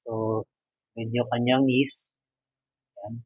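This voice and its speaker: A man's voice: medium pitch, flat delivery, slow, darkish tone, dry recording, low-quality recording. A man casually reviewing and unboxing an action figure, chatty and joking, with English words mixed into his talk. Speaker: toy reviewer.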